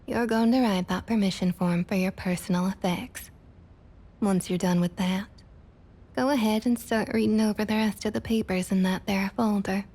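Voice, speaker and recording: The performer, a woman, takes on the role of a centuries-old vampire council member from the American South, domineering and coolly possessive, in intimate scripted ASMR. Her husky, breathy voice is medium-pitched and frequently half-whispered, moving at a moderate pace with fairly even intonation. She drawls in a Southern accent, stern, condescending and quietly menacing.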